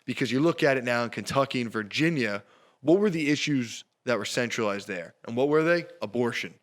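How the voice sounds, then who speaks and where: A man's voice: medium pitch, lively intonation, brisk. A man hosting his podcast, delivering a punchy, emphatic political monologue with repeated phrases. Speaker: podcast host.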